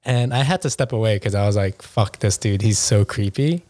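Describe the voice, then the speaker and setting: A man in a casual podcast chat, talking in an animated, slangy way. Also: on the low side, moderate pace, no room sound.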